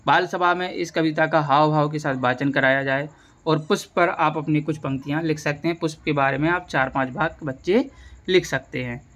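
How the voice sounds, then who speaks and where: A man with a fairly high voice explains a school lesson step by step. He goes patiently through each answer and repeats key words for students. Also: fairly even intonation, moderate pace, a bit bright, muffled recording. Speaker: teacher.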